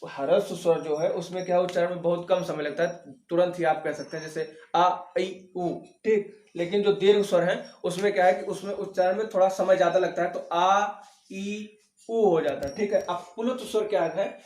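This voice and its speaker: A man's voice: sits high, fairly even intonation, fast, hardly any pauses, dark tone. Man teaching in an echoey room. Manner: repeats questions and answers them himself, says "theek hai" often. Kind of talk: exam-prep Hindi grammar lesson. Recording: echoey room, mic at a distance.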